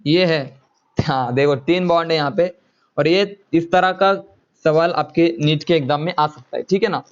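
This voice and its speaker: High-voiced male chemistry teacher lecturing. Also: normal speed, smooth, muffled recording. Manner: coaxing, repeats questions to students. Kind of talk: classroom lecture.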